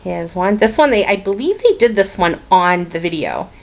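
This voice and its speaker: A woman's voice: medium pitch, lively intonation, moderate pace, creaky. A woman with a Boston-area accent, chatting casually in her stitching vlog and rambling with plenty of ums and restarts. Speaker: stitching vlogger. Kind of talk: casual hobby vlog chat.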